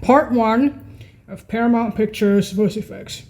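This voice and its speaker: Her unhurried, fairly high voice carries a darkish tone. Presenting her own video, the woman walks through on-screen material casually and off the cuff, halting now and then, frequently restating or correcting herself and often clearing her throat.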